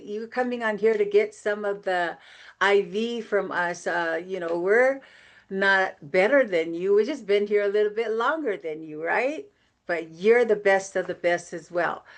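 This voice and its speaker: A woman from American Samoa giving an upbeat, conversational motivational training over a video call, with many fillers and repeated phrases. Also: medium pitch. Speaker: team leader giving a training.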